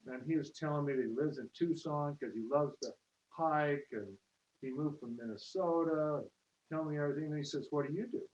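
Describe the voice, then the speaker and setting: A man's voice: fairly high pitch, fairly quick, a little mellow. A man telling stories in a rambling, casual way, quoting people in raised voices as he speaks to a room at an open house. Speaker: network marketer. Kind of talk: casual testimonial talk. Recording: distant roomy lo-fi livestream with hiss.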